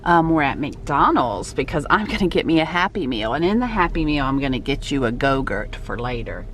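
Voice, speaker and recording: A woman's voice: deep voice, very animated, fairly quick, slight background noise. A middle-aged woman chatting casually as a vlogging mother, coaxing and repeating instructions as if to a child. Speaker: mother vlogging with her son. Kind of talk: casual vlog chat. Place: inside a car.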